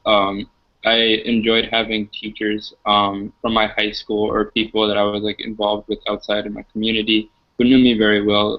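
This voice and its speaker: Flat-toned young man, low voice. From Boston, USA. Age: young adult. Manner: relaxed, measured, uses "like" and "um". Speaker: student panelist. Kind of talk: online Q&A session. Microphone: video call. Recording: slightly muffled video call audio.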